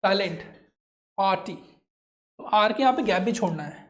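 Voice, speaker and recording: A male teacher with an Indian English accent runs a class lesson. He speaks slowly and pitches his voice fairly high, stretching each word out and prompting students to call back answers. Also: expressive. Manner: drills words slowly, asks students to repeat.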